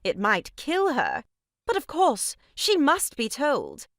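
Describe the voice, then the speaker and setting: A voice actor plays a pompous, meddling sister-in-law in a stage farce audio drama, indignant and grandly moralizing. Her voice is high, gravelly and very animated, and she takes it slowly, turning every reproach into heavily acted melodrama. The sound is close and dry, with no room sound.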